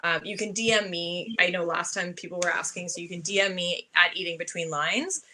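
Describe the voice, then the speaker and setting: A woman's voice: lowish voice, fairly even intonation, brisk, bright, forceful tone, a little hiss or hum. A woman in her thirties presenting health products informally, in a conversational, explanatory and enthusiastic way. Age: 30s. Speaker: health supplement presenter for a sponsor. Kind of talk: informal product talk at an online event.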